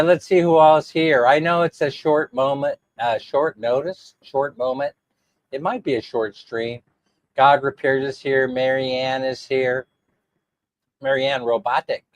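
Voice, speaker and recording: A man's voice: mid-range voice, a little slow, dry recording. A man talks casually to his livestream viewers, his voice throaty and clogged by a sore throat. He sounds congested and under the weather. The sound is dry and close, with little room around it. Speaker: livestream host.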